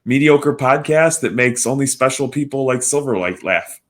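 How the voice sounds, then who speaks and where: A man's voice: mid-range voice, animated, normal speed. A man co-hosting a podcast, talking in a loose, joking way with some swearing. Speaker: podcast co-host. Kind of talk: casual chat.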